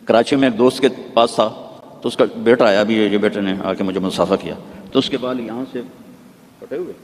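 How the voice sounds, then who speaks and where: A preacher from Pakistan, telling a religious story vividly in a sermon. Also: male voice, fairly low pitch, a little hiss or hum. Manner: vivid storytelling with demonstrative asides. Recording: long hall reverb.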